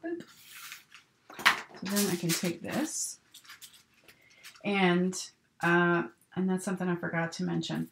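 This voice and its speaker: A woman's voice: fairly low pitch, slow pace, gravelly, long pauses. A middle-aged woman giving a casual, chatty hands-on tutorial, talking herself through each step as she works at a table. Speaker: sewing instructor hosting a live stream. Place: indoors at a work table. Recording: noisy home recording with rustling paper and clicks. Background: paper rustling, clicks, steady noise.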